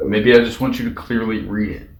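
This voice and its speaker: A man co-hosting a casual podcast, soft-spoken, laughing often and giving short replies. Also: on the low side, fairly even intonation, fairly quick, a crowd in the background. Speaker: podcast co-host. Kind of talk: casual chat. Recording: roomy echo.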